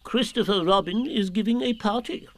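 A man's voice: high-pitched, normal speed, pitched above the performer's own voice, natural voice. A man voicing a fussy, self-important old male owl in a storybook reading, speaking in a precise, slightly impatient way.

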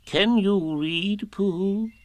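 A man reading a storybook, voicing a self-important elderly owl with a pompous, deliberate delivery. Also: sits high, no echo, pitched above the performer's own voice. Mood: slightly anxious.

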